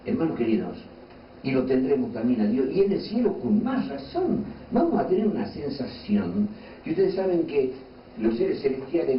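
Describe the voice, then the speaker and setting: A man's voice: medium pitch, a little hiss or hum. A man preaching a sermon in a fervent, conversational way and acting out quoted voices. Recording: distant, echoey, dull hall recording.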